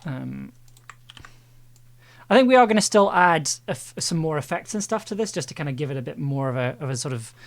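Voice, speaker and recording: An audio drama editor and streamer chats casually on a livestream, thinking aloud as he works, his voice on the high side, gravelly, expressive and fairly quick. Keyboard typing and clicks sit in the background over faint noise.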